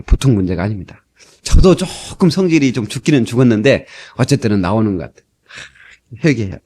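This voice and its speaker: A man's voice: mid-range voice, slightly rough. A middle-aged man preaching a storytelling sermon, acting out the people he quotes, from an old cassette tape. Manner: animated, acts out quoted people. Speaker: pastor.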